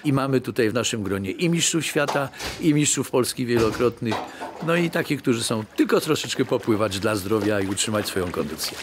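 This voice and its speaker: A man's voice: medium pitch, expressive, brisk, background noise. A mature man speaking as a sports club member in a documentary interview. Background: music.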